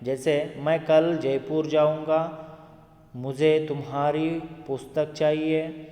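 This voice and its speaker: A man teaching Hindi grammar, explaining slowly and listing example words one at a time. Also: fairly high pitch, little pitch movement, warm tone. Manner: slow, deliberate, repeats lists of example words one by one. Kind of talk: classroom explanation with spoken examples. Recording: echoey room with long reverb.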